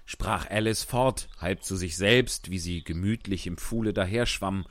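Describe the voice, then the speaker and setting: A man's voice: deep voice, a little slow, a bit bright, dry recording. A man co-hosting a podcast, reading a novel aloud and then chatting casually with some hesitation. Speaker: podcast co-host and reader.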